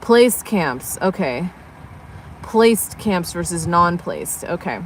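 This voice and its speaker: A woman's voice: fairly low pitch, animated, slow, a little hiss or hum. A young woman chatting casually on a livestream, rambling and yawning, sleepy and just woken up. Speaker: livestream vlogger.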